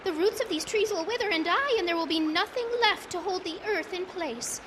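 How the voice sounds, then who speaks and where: Woman doing a shrill chattering monkey. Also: noisy background. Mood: agitated. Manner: high, quick chattering delivery. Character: chattering, agitated female monkey.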